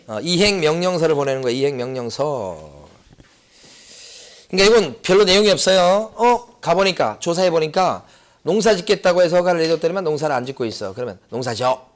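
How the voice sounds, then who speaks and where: A man's voice: on the high side, fairly quick. A middle-aged man giving an exam prep lecture, asking rhetorical questions and repeating key points. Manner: lively, rhetorical questions and repetition.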